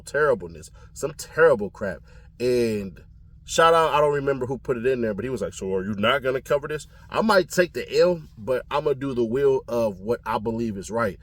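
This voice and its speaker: Animated male commentary vlogger. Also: mid-range voice. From California. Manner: animated, laughs often, slangy. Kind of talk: casual commentary.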